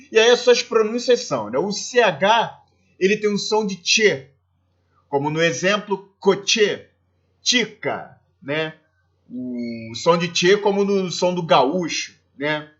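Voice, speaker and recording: A Brazilian man who teaches Spanish speaks with a Brazilian Portuguese accent in a recorded lesson, walking through things step by step and often checking in with his students. His voice is on the high side, and the highs are cut off in the audio.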